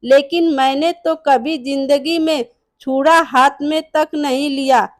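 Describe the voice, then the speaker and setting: A woman's voice: high voice, steady tone, a little slow, no room sound, studio quality. A woman voicing a bossy, harsh mother-in-law who scolds impatiently in a storybook tale. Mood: scolding.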